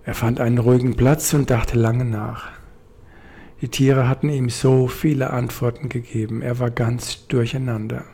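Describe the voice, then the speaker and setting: A preacher reading a short radio devotion and telling a story, in a gentle, measured way. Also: male voice, mid-range voice, level tone, gravelly, slightly rough. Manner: gentle, measured, addresses listeners.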